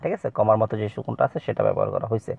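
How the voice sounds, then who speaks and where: A man's voice: on the low side, animated, vocal fry, breathy edge, dry recording. A man teaching an online Quran reading lesson, sounding out syllables one by one and asking listeners to repeat after him. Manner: drills syllables aloud, pausing for listeners to repeat. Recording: tinny phone-like dry recording.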